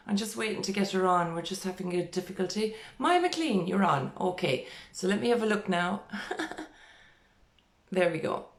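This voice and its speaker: A woman's voice: medium pitch, animated, moderate pace, roomy sound. A middle-aged woman hosting a casual live-stream interview, chatty with many fillers and restarts. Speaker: host. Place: small room indoors.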